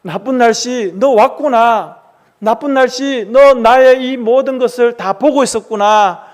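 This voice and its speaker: A man's voice: extremely high pitch, unhurried, pitched above the performer's own voice. A man voicing a kindly Bible class teacher who praises and encourages a child. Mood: joyful. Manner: joyful, encouraging.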